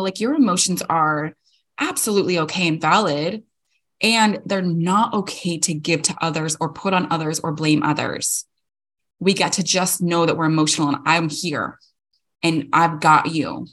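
A woman's voice: on the low side, normal speed, fairly bright tone. A woman in her thirties co-hosting a podcast, talking earnestly and reflectively about parenting with many fillers. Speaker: podcast co-host. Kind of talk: casual chat.

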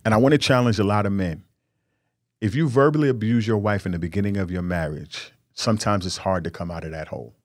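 Earnest low-voiced man giving marriage advice. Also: fast, no echo, studio quality. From New York. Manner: earnest, preachy and candid, with repeated emphatic words. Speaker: podcast host.

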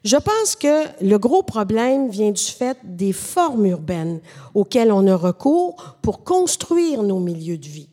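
A middle-aged woman with a Québécois French accent, explaining urban planning in a measured, professorial way as a podcast guest. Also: medium pitch, big pitch swings, warm tone, big-room sound. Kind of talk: podcast conversation.

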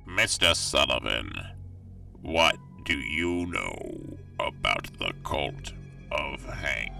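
An actor playing a mysterious, menacing stranger with a strange, gravelly voice in an audio drama. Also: male voice, a bass voice, very animated, slow pace, bright, forceful tone, distant mic, soft background music, exaggerated voice. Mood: ominous.

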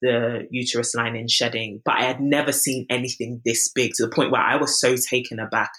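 A British woman in her twenties, appearing as a podcast guest, candidly tells a personal health story in a bass voice, speaking a little fast. She's animated and acts out the voices of people she quotes.

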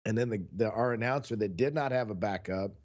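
A man's voice: fairly low pitch, fairly quick, a little mellow, lo-fi sound. A man co-hosting a podcast who once worked as an announcer, telling stories in an easygoing, anecdotal way. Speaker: podcast co-host, former announcer. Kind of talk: casual storytelling.

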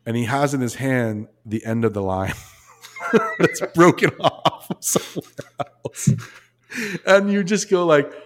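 Man telling a story, animated. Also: medium pitch, unhurried, long pauses. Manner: animated retelling full of restarts and asides. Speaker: podcast guest. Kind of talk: casual storytelling.

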